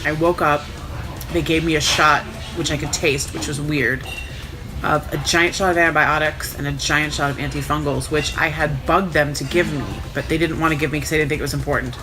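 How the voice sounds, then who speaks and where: Casting: woman with a low voice, frank and sardonic storyteller, sore and recovering post-op, music underneath. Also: fairly even intonation, a little fast. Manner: frank, wry, sarcastic. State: sore and recovering a day after surgery. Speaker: vlogger recounting own surgery. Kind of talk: casual first-person storytelling.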